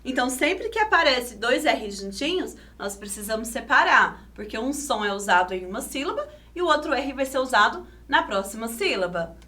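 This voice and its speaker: A woman teacher with a Brazilian Portuguese accent, giving a video lesson to children, sounding out syllables slowly and clearly and asking coaxing questions. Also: a little high, very animated, pushed and bright. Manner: slow, over-enunciated syllables, coaxing questions.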